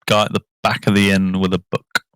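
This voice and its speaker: A male player makes wry, slightly worried comments during a tabletop game. His voice is fairly low and sounds dry and close, with little room around it. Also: completely flat delivery, fairly quick, a bit bright, smooth, no room sound. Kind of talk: casual table talk.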